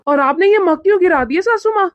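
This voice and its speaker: Woman voicing a calm peacemaking son-in-law. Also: very high voice, a little fast, dry recording. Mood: soothing. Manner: soothing, reasoning. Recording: dull lo-fi sound.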